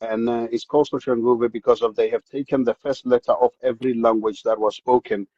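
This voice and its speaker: South african guy on a podcast, kinda husky, tells stories with lots of restarts, dull dry audio. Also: medium pitch, brisk, no room sound. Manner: animated storyteller, many repeated words and restarts. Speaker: podcast guest. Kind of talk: casual interview chat.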